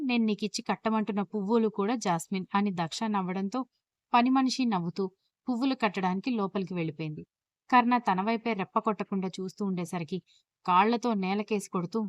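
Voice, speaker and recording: A woman storyteller reading a scripted audio love story aloud at a steady pace. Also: mid-range voice, no room sound, studio quality.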